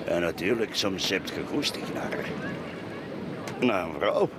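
In a radio play with clear outdoor background noise, an actor with a Flemish accent portrays a bitter, boastful, drunken middle-aged man. Grumbling and boozy, he rambles, repeats himself and cackles tipsily in a low, animated voice at a measured pace.

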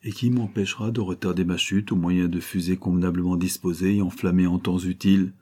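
A man's voice: deep voice, little pitch movement, a little fast, darkish tone, breathy edge. A man voicing a bold, gallant male adventurer who answers with gracious, ironic confidence, in a storybook reading. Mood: confident, gracious.

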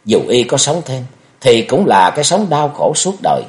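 A man narrating a martial arts novel as an audiobook in an expressive, dramatic reading. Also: medium pitch, moderate pace.

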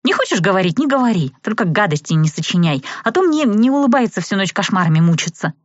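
A woman's voice: mid-range voice, very animated, fast talker, no room sound, lo-fi sound, pitched above the performer's own voice. A woman voicing a fussy, squeamish young roommate. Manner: fussy, grimacing.

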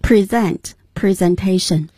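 A woman's voice: mid-range voice, slow pace, warm tone, husky, no room sound, studio quality. A woman co-hosting a radio English lesson, repeating the words after the teacher and asking follow-up questions. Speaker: co-host of the lesson.

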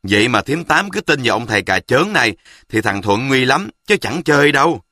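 A man's voice: mid-range voice, sing-song, brisk, pushed and bright, no echo, exaggerated voice. A man voicing a bold, scheming boy who leads his friends and mocks them in a cocky way. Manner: mocking, cocky.

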